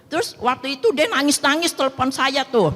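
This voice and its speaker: A woman with a high voice tells a personal testimony in a chatty way. She acts out each side of the dialogue in her story. Her voice rings through a large church hall with a long reverb. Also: fairly quick, fairly bright tone. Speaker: testimony speaker at a prayer meeting.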